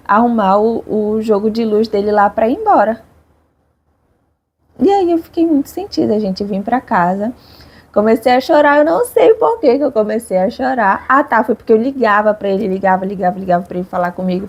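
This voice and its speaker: A young woman, speaking in a fairly high voice. She chats casually and expressively with her viewers, vlog-style, her voice climbing sharply when the story gets emotional. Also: brisk. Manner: chatty, expressive, swings up high at emotional moments. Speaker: vlogger.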